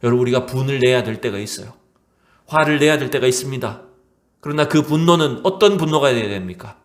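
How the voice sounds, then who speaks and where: A man's voice: medium pitch, expressive, a little fast. A male pastor preaching a sermon, often asking the congregation questions and acting out quotes.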